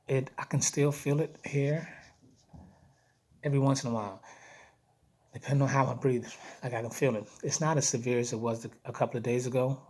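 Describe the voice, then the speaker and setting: A man whose voice is hoarse and weak after throat surgery gives a casual video diary health update to camera as a vlogger. His mid-range, darkish voice is halting, and he repeats phrases for emphasis. Noticeable background noise is present.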